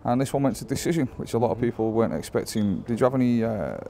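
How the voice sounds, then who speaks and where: A man's voice: medium pitch, fast talker, dark tone. A man working as an interviewer, asking casual, conversational questions about sport. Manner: informal, conversational. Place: backstage at a large arena. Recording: backstage arena interview with crowd noise.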